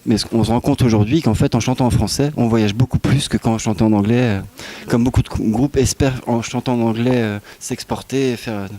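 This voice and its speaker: A man musician from Belgium explains things in a relaxed, friendly way during an interview. His voice sits at an ordinary pitch for a man. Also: brisk. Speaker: musician guest. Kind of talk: casual interview answers.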